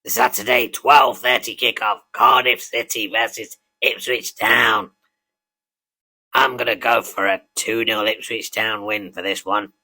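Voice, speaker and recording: A synthetic male voice playing a talking dog that reads out football predictions in a flat, even way. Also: medium pitch, a little slow. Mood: matter-of-fact. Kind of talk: scripted predictions.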